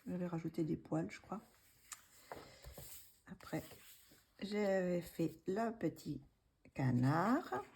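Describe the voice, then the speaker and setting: A woman casually showing her coloring books, hesitant with many fillers and restarts, gently self-deprecating. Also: on the low side, lively intonation, slow, gravelly, pauses often, a little hiss or hum. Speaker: coloring book vlogger.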